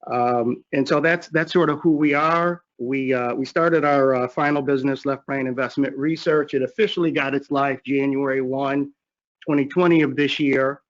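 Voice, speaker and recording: Over dull, lo-fi group video call audio, a man with a mid-range voice introduces himself and his investment firm as a webinar panelist. He speaks at normal speed in a steady tone.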